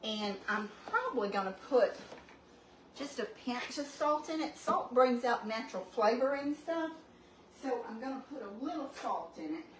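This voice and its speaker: This home cooking channel host, a chatty woman with a drawl, shows how to make a dish while straying into cozy tangents. Her pitch is fairly high and her pace moderate. The recording is noisy and roomy, with her standing some distance from the mic in a kitchen that echoes over constant background hum.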